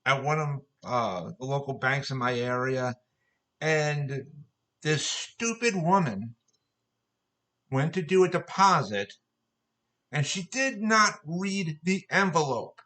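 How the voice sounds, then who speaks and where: Profane, bright-voiced ranting man. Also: fairly high pitch, lively intonation, slow pace, pauses often, poor audio. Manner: profane, exasperated, repetitive storytelling. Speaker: vlogger. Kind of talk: angry ranting monologue.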